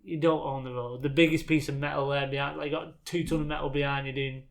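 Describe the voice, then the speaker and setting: A man's voice: fairly high pitch, fairly even intonation, fast, vocal fry. A man chatting as a podcast guest, easygoing and rambling, full of "like". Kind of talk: casual chat.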